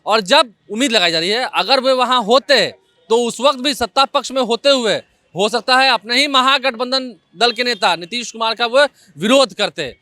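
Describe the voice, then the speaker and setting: Emphatic reporter on location. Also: male voice, very high-pitched, normal speed, sharp tone, no echo. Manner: emphatic, rhetorical questions. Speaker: news reporter. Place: outdoors in front of an office building.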